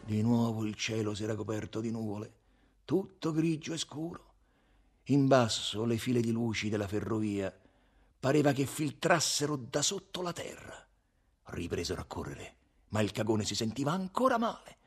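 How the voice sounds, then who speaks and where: A man reading a novel aloud in a steady, expressive storytelling voice. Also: mid-range voice, normal speed, breathy edge. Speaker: narrator.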